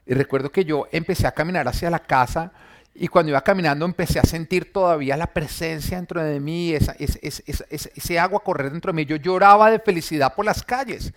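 A church member gives his personal faith testimony in earnest, his voice a little high and his delivery brisk. He recounts scenes and quotes what people said to him.

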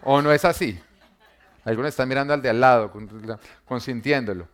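Speaking fairly quickly at medium pitch, a male pastor gives an emphatic sermon that alternates between loud and soft passages. He peppers it with rhetorical questions and humor for his congregation.

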